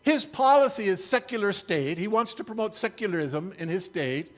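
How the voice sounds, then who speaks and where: An older man with a high-pitched voice gives a sermon-style talk at church while showing slides. His delivery is animated, at a moderate pace, and his tone is wry and incredulous. He keeps things loose and conversational rather than preachy.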